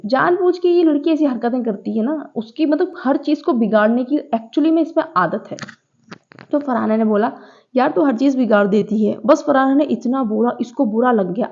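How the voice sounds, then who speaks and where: A woman with a somewhat high yet mellow, relaxed voice rattles through a reality-show recap in a chatty, judgmental way. She is opinionated and blunt. The recording is dull and lo-fi. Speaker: TV gossip commentator.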